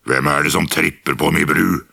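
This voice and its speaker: Man doing a deep, menacing bridge troll. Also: steady tone, vocal fry, sharp tone, no room sound, studio quality, full character voice. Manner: shrieking, threatening. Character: big ugly menacing troll under a bridge.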